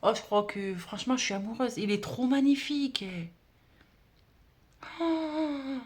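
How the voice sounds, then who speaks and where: A woman's voice: medium pitch, a little fast. Gushing chatty woman unboxing. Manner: gushing, exclamatory, chatty with many fillers. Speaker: budget-challenge vlogger. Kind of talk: casual unboxing chat.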